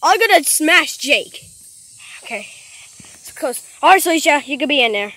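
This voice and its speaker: A woman voicing a pushy, scheming, excitable plush toy dad in a homemade skit. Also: sits high, moderate pace. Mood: excited scheming. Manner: exclamatory, bossy.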